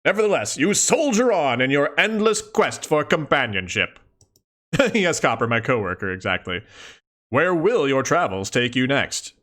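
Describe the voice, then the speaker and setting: A man's voice: mid-range voice, very animated, moderate pace, a bit bright. A man reading a visual novel aloud for a let's play at home, breaking off to joke with chat. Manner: playful, reads narration then jokes to chat and cat. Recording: faint game music underneath.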